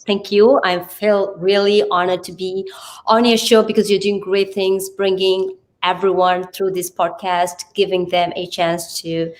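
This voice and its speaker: This woman, a TV presenter and radio host appearing as a podcast guest, has a Sri Lankan accent and a medium-pitched voice with little pitch movement. At a measured pace she earnestly introduces herself and explains things phrase by phrase, in a conversational interview style.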